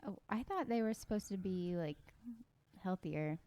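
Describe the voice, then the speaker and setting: A woman's voice: mid-range voice, animated, moderate pace, warm tone, no echo. A woman co-hosting a podcast who giggles easily as she chats into a studio microphone. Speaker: podcast co-host. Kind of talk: casual chat.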